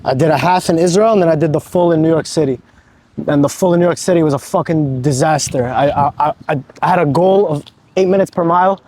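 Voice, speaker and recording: A man in his twenties, an amateur runner, vlogs in a fairly high, darkish voice at a quick pace. He's casual and earnest, motivational in tone, with some relaxed swearing.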